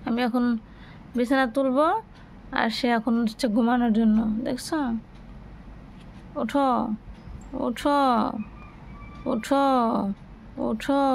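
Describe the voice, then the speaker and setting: A woman's voice: fairly high pitch, fairly even intonation, measured pace, creaky, pauses often, darkish tone, a little hiss or hum. Woman coaxing her cats in a singsong voice. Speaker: pet owner vlogger. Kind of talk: casual talk to her cats. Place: home, bedroom.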